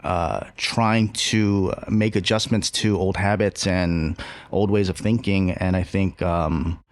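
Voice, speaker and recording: A chef and restaurant co-owner talking in a casual podcast conversation, reflective and halting with many fillers and restarts. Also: male voice, deep voice, steady tone, no room sound.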